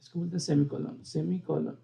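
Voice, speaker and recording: Man, programming teacher, slightly high voice, step-by-step explanations, repeats terms, asks viewers questions. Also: steady tone, fairly quick, gravelly, warm tone. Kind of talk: screen-recorded coding lesson.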